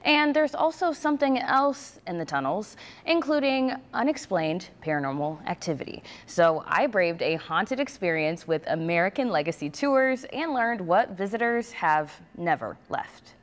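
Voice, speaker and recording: Woman reporter doing scripted feature voiceover, very animated, big echoey reverb. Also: medium pitch, moderate pace, hardly any pauses. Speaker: lifestyle reporter. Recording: long echoing reverb on the voice.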